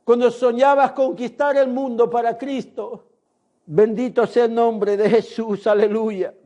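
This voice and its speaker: A male pastor preaching a sermon in a slow, emphatic manner that sometimes rises to a shout. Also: extremely high pitch, flat delivery. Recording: dull lo-fi recording.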